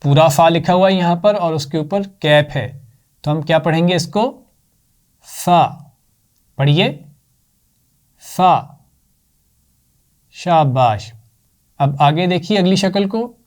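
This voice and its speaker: A male teacher with a Pakistani accent giving a children's lesson, slowly drawing out each sound and praising often. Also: on the high side. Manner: slow, drawn-out repetition with praise.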